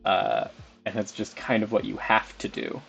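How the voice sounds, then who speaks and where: A young man gives casual live commentary on a football management game, rambling and speaking to the players on screen. His voice is fairly low and gravelly yet fairly bright in tone, with little pitch movement and normal speed, over slightly dull stream audio with background music.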